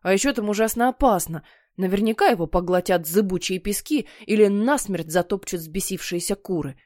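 A woman narrating a children's story in a lively, playful way. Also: medium pitch, brisk, no room sound, clean studio sound. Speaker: audiobook reader.

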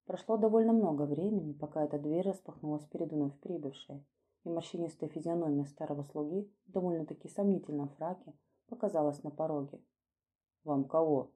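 Dark husky woman reading a story. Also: low-pitched. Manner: measured, literary reading. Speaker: narrator.

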